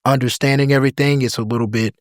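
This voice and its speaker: Recorded on a dry mic with no echo, this young American guy talks quickly in a medium-pitched voice. He's a podcast guest in an easygoing interview, and his speech is full of fillers like "like" and "you know," with occasional switches into other languages.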